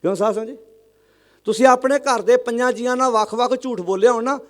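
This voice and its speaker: A man preaching a sermon to a congregation, emphatic and questioning, calling on listeners to answer aloud and chanting scripture lines slowly. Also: very high-pitched. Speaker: Sikh religious preacher.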